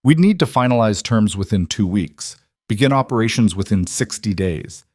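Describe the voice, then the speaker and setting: A brisk, professional businesswoman executive talks terms in a storybook reading, voiced by a man in a low voice close to his own. The tone stays businesslike and dry. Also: animated, a little mellow, no echo.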